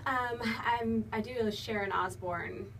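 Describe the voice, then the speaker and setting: A young woman from Georgia chatting as a radio guest, giggly and easygoing, her voice bright and clear. She sits a bit back from the studio mic, and a faint hiss runs underneath. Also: mid-range voice, unhurried, far from the mic. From Georgia, USA. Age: young adult. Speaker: studio guest, pageant winner. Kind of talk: casual radio interview.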